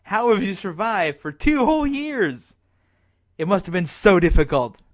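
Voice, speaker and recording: A high-pitched, sing-song voice carries this actor's performance as a radio announcer in a zombie apocalypse drama. His emergency broadcast monologue is bitter and despairing, halting and sardonic, with frequent self-reproach.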